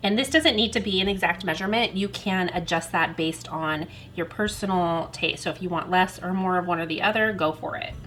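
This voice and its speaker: A woman's voice: on the low side, fairly quick, hardly any pauses, a bit bright, slight background noise, poor audio. Chatty woman cooking at home. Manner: chatty, self-deprecating, talks while working. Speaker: cooking channel host. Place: home kitchen.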